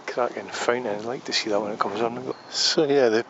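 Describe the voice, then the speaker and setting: The narrator is a travel vlogger on the road and outdoors in a small town. He has a mid-range voice and speaks briskly, rambling through his thoughts with frequent ums and restarts. The recording is lo-fi, with a noisy background.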